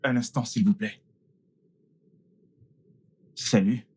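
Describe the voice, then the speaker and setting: A man's voice: medium pitch, steady tone, slow, warm tone, breathy edge. A man playing an apologetic, affable character in dubbed film dialogue, placating and repeating himself. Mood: friendly.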